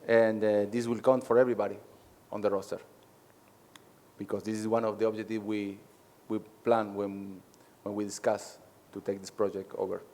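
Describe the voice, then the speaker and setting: Fielding questions from the press, this head coach from Argentina speaks hesitant English broken by frequent pauses, since Spanish is his first language. He has a fairly low, mellow voice that barely moves in pitch.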